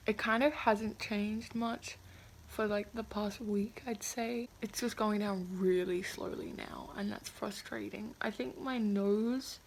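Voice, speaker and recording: A woman's voice: medium pitch, a little hiss or hum, low-quality recording. A woman in her twenties talking with a sore, puffy jaw that slightly impedes her speech, in a casual, candid and hesitant video diary. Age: 20s. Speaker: vlogger.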